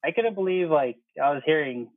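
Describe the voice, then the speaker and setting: As an interview guest, an air traffic controller in his thirties tells his story conversationally over a muffled phone-like line, acting out exchanges in quoted speech. His voice is on the high side, expressive and brisk, with no room sound.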